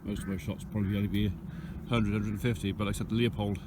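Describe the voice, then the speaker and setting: A man's voice: steady tone, quick pace. A man talks casually and plainly in a handheld phone video outdoors, thinking aloud as he explains what he is doing. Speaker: farmer and video host. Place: outdoors on farmland. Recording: noisy outdoor phone video, engine and vehicle rumble.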